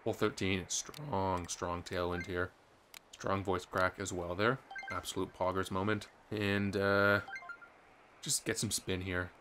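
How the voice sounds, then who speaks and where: A man's voice: low-pitched, level tone, unhurried, bright, forceful tone. A man giving chatty, upbeat play-by-play commentary on his own game, with some gamer slang. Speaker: gaming channel host. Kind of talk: casual gameplay commentary. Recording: game music behind voice. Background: game music.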